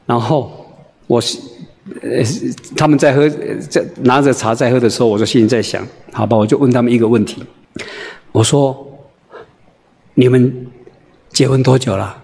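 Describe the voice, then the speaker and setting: A male preacher, telling a humorous story in a sermon in an animated, conversational way, full of "ah" and "oh" fillers. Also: mid-range voice, fairly quick, husky, in a large hall.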